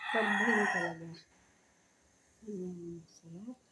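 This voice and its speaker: A noisy recording with roosters behind a Filipino woman vlogger. She talks at a medium pitch with the speech of someone missing front teeth. She chats casually to her viewers between bites of food. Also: fairly even intonation, moderate pace. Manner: talks while eating, savouring with small hums. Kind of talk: casual mukbang chat to viewers.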